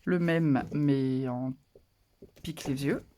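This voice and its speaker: A papercraft channel host chatting casually through a haul of paper pads, relaxed and hesitant. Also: mid-range voice, slow pace, slight background noise. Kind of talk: casual haul show-and-tell.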